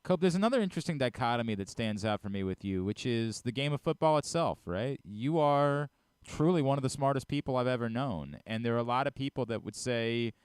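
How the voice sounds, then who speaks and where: Smooth-voiced sports radio host. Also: male voice, medium pitch, lively intonation, a little fast, dry recording. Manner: earnest, heartfelt questioning. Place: radio studio.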